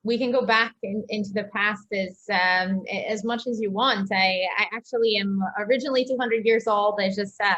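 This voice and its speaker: A young woman from Serbia speaks in a mid-range, fairly bright voice with a steady tone, and the recording is slightly muffled. She's an interview guest, a doctor and entrepreneur, sharing her life story casually in a chatty, halting way full of hedges and self-corrections.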